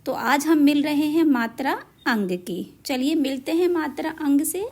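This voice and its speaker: A woman teaching a children's lesson on letter marks, spelling out each syllable slowly and deliberately. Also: high-pitched, lively intonation, darkish tone, a little hiss or hum. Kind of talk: Hindi matra lesson.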